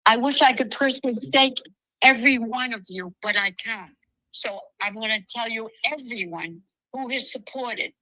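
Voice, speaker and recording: A woman heard over a speakerphone, calling in to chat, soft-spoken and heartfelt. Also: a little high, normal speed, dry recording, rough recording. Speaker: guest calling in to a fundraiser stream. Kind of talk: casual chat.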